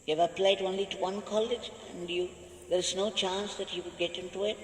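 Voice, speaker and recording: Scornful taunting husband, as a man retells him, raised pitch, echoey hall. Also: little pitch movement, fairly quick, lightly acted. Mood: mocking. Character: mocking, scornful middle-aged husband. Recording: echoey hall with long reverb.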